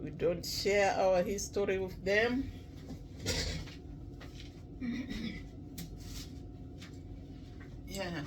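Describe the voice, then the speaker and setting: A man from Malawi, talking slowly and reflectively in a casual vlog, with many pauses and fillers. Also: sits high, background noise. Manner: halting, many pauses and "you know" fillers, clears throat often. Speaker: vlogger.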